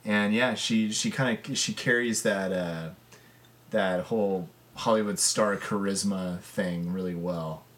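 A man co-hosting a podcast in casual chat, laid-back and quick to laugh. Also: low-pitched, fairly even intonation, a bit bright. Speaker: podcast co-host.

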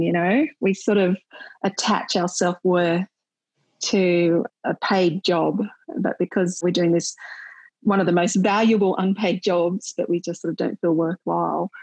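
A woman's voice: on the low side, darkish tone, slightly rough, dry recording, poor audio. A middle-aged woman, a nurse chatting in an interview, earnest and often laughing. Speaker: maternal and child health nurse and volunteer. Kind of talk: casual interview chat.

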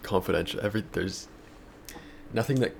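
A man co-hosting a podcast, talking in halting casual chat with many restarts. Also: low voice, gravelly, a little hiss or hum. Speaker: podcast co-host.

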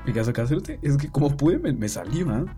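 A man co-hosts a casual podcast, telling stories in a rambling way and swearing constantly. His voice is dark and mellow at a middling pitch. Faint music plays underneath. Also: big pitch swings, fast talker. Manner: rambling, swears a lot, trails off. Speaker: podcast co-host. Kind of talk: casual storytelling chat.

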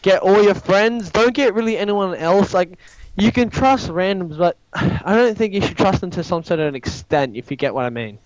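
A man's voice: high-pitched, animated, normal speed, few pauses, no room sound, highs cut off. A young man chatting casually on a podcast, rambling and cutting in with "look, look" to take the floor. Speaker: podcast co-host. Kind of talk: casual chat.

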